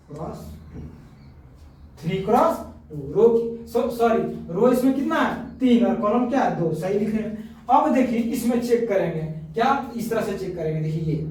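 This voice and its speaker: A man teaches a math lesson at a board, repeatedly asking questions, answering them himself and often correcting himself. His voice sits high and is a little mellow. The room is very echoey, the mic is far off, and there is faint noise.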